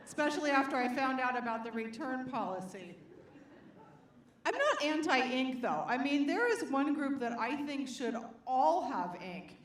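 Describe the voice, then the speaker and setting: A middle-aged woman performing a stand-up comedy set on stage, with a wry, punchy delivery that draws out the punchlines. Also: high voice. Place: comedy stage before a live audience. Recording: roomy live venue.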